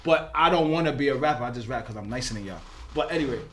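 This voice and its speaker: A man in his thirties co-hosting a podcast, talking in casual, joking street slang with lively energy. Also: mid-range voice, rapid-fire. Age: 30s. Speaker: podcast co-host. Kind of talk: casual chat.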